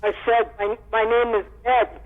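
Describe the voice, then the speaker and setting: A man's voice: very high voice, level tone, measured pace. A man calling in to a talk show over a muffled, garbled phone line, making short, plain remarks. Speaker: caller. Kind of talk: call-in comment. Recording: muffled tinny phone call.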